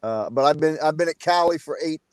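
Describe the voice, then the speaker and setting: A man's voice: on the high side, fairly quick, no room sound. Plain-spoken middle-aged male coach, dry sound. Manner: many uh fillers, plain-spoken. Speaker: college basketball coach. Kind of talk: casual interview answers.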